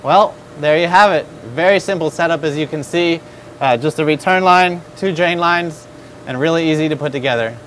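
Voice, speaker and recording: A man's voice: fairly high pitch, moderate pace, a bit bright, a little hiss or hum. American male host, thirties, store tutorial, instructive and upbeat, lapel mic in a showroom. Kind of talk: product demonstration tutorial.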